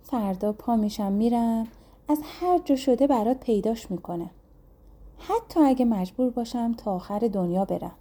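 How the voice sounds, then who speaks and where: A devoted young hunter from a spoken folktale, tender toward his sister. A woman narrator plays him with a mellow, husky voice. He sounds earnest and concerned. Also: a little high, natural voice. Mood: caring. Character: young male hunter brother, caring and devoted.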